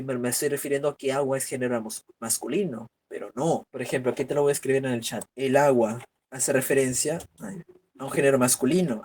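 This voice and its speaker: Speaking through a computer mic on a video call, a man gives a virtual grammar lecture, moving through examples and asking rhetorical questions. His voice is a little high and a little mellow.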